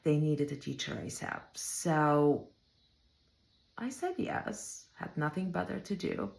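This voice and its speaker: A Bulgarian-accented woman, a native speaker of Bulgarian, with a low voice. She reflects on her career in an unhurried, measured way, pausing on frequent ums. Her voice carries a roomy echo. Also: lively intonation, vocal fry, a little mellow. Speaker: home care operations leader.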